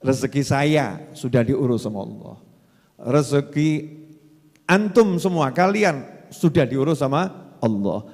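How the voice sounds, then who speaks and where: Animated preacher. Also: male voice, mid-range voice, a little slow, long pauses. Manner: animated, quizzing the audience with call-and-response. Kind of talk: sermon. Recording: long hall reverb.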